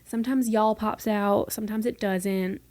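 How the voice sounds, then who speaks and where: Steady, a little mellow and mid-range, with no room sound, her voice carries a casual solo podcast she hosts from her room. She's in her twenties, from North Carolina, fast-talking and playful, with a mostly neutral American accent that now and then turns lightly Southern.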